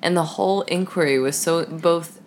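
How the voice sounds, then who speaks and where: A woman's voice: on the low side, normal speed. A woman in her thirties chatting as a podcast guest, rambling with many "like"s and acted-out quotes. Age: 30s. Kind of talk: casual chat.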